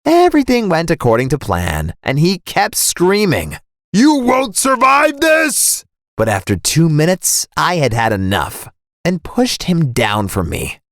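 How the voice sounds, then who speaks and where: A young man narrating a first-person animated story in a dramatic, scripted way. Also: medium pitch, measured pace, no room sound, clean studio sound.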